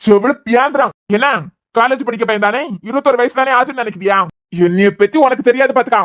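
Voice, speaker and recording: Angry young cartoon student, threatening and quick-tempered, Kanyakumari Tamil accent, voiced by a woman. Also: fairly high pitch, no echo, close to an everyday voice. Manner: threatening, shouting insults. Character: hot-headed 21-year-old male college student. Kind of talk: cartoon web series voice acting.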